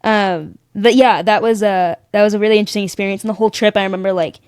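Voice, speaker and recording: A woman guest on a podcast, telling stories in a sassy, animated way and acting out the other people in them. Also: mid-range voice, fast talker, clear, resonant tone, no room sound, studio quality. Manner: animated, sassy, acts out voices in her stories. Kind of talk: casual storytelling chat.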